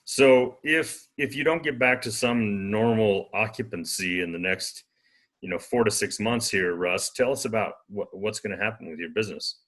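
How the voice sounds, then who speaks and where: A man's voice: on the low side, moderate pace, a bit bright. A man hosting a business interview in a friendly, enthusiastic way.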